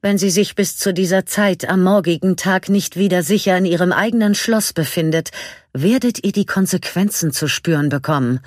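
A woman's voice: on the low side, normal speed, no room sound, studio quality, voice pushed up, lightly acted. A woman voicing a cold, commanding evil queen who issues threats. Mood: threatening. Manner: threatening, imperious.

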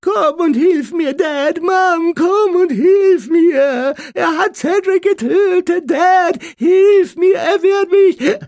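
A man voicing a panicked, cowardly teenage boy who wails and stutters in a shrill voice. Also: fairly even intonation, slow pace, dry recording, studio quality. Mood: wailing.

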